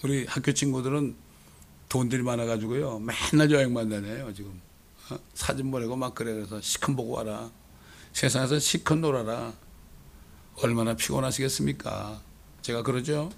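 A Korean pastor with a Chungcheong accent, preaching a sermon full of rhetorical questions and emphatic outbursts. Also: male voice, medium pitch, moderate pace, creaky.

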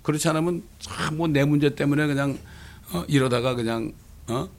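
A middle-aged male pastor preaching a sermon, animated, often tossing "eh?" to the congregation. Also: fairly high pitch, moderate pace. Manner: animated, rhetorical questions, frequent "eh?" asides.

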